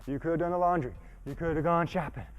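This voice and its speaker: Fast-talking and fairly high-pitched, this trainer motivates people through a workout, speaking conversationally and emphatically. He checks in frequently, and the exertion leaves him somewhat breathless.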